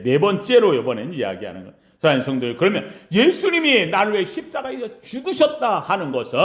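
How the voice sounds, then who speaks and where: Male pastor, sermon. High voice, wildly animated delivery, call-and-response questions, loud-to-hushed swings, reverberant sanctuary. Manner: asks the congregation questions and answers them himself; swings between loud cries and hushed low lines. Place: church sanctuary. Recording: echoey church sanctuary.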